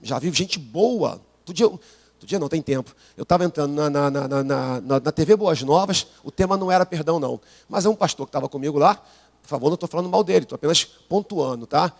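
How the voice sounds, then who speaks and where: In a church sanctuary, a pastor with a Brazilian Portuguese accent preaches a sermon while unwell but pushing on, calling on the congregation to repeat his words. His creaky, expressive voice moves fairly quickly, rising from low asides to shouted peaks. The live church sound carries long hall reverb.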